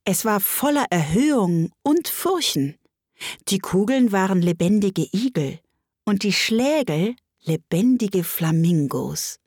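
Woman, audiobook narrator, expressive, breathy-husky, close dry mic. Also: medium pitch, unhurried, no room sound. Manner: expressive storytelling. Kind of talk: audiobook reading of a classic tale.

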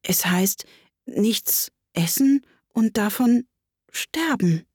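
A curious, polite young girl from a storybook, as a woman puts her on, pitched clearly higher than the reader's own voice. She asks earnest questions and bristles when she is contradicted. The sound is breathy and dry. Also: very animated, moderate pace, no echo.

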